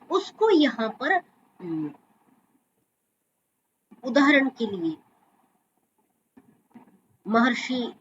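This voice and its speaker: Slow, careful woman teaching Sanskrit pronunciation. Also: fairly high pitch, muffled recording, slight background noise. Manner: demonstrates pronunciation, stretching sounds carefully. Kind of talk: slow explanatory lesson with recited verses. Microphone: video call.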